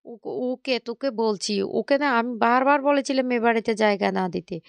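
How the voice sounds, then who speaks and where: A woman's voice: a little high, a little fast, clear, resonant tone, no echo, close to an everyday voice. A woman voicing an angry, suspicious younger brother who scolds and accuses.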